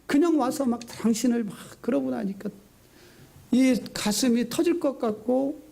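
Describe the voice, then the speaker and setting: A middle-aged man preaching a sermon in a notably high but mellow, warm-toned voice. He tells his stories with animation, swinging from high excited bursts to low hushed lines. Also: unhurried, creaky. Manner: lively storytelling, acting out quotes. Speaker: senior pastor.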